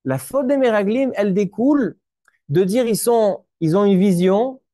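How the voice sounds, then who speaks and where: A man's voice: high voice, expressive, moderate pace, warm tone, no room sound, clean studio sound. A man, a rabbi giving a Torah lesson, who explains step by step, asks and answers his own questions, and mixes Hebrew terms into his talk. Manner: repeats words while searching for them.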